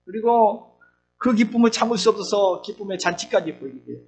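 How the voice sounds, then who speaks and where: A middle-aged man preaching an earnest sermon as pastor, swinging between loud urgent lines and soft low asides. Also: lively intonation, fairly quick, slight background noise, rough recording. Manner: acts out tender and scolding voices when quoting.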